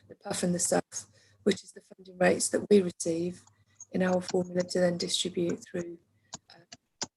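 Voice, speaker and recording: A woman with an English accent speaks over a video call, her voice husky and gravelly as it fades away from her. She talks in a low, flat, measured way and fills pauses with ums while she walks through funding figures. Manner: measured, with frequent ums and throat clearing. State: losing her voice. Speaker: council finance officer. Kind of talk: online meeting presentation.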